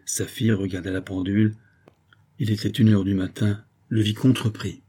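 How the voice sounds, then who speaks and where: A man narrating a novel as a measured, steady audiobook reading. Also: lowish voice, slightly rough.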